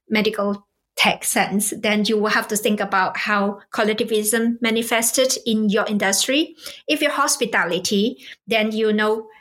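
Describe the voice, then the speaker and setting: A woman's voice: mid-range voice, a bit bright. A woman from Malaysia, a guest speaker explaining cultural ideas in a conversational way, with rhetorical questions and many fillers. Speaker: guest expert on cross-cultural business.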